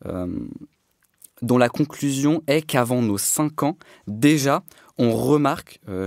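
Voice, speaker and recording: A public speaking trainer, not a native French speaker, earnestly explains his work as a podcast guest, full of fillers and restarts. His medium-pitched voice is a little mellow, recorded dry with clean studio sound.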